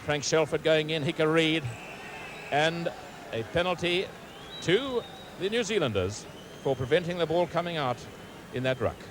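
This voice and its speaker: Male rugby commentator, fairly high voice, excitable, noisy 1980s stadium broadcast. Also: moderate pace. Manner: pitch leaps up excitedly during play. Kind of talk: live sports commentary.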